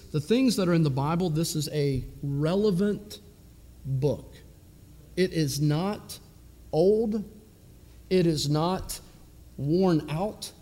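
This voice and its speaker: A man's voice: sits high, dark tone, big-room sound. A man preaching a sermon as a pastor, impassioned, driving his points home with rhetorical questions.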